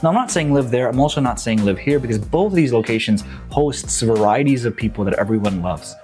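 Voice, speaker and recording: A man's voice: mid-range voice, lively intonation, brisk, a little mellow, soft background music. A young man from Nepal, a real estate agent, talking up local suburbs in a casual, upbeat and slangy promotional vlog.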